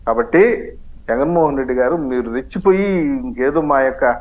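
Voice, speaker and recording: A man's voice: mid-range voice, lively intonation, moderate pace, rough recording. A man speaking as a party spokesman in a heated TV news debate, combative and sarcastic, slipping in English phrases.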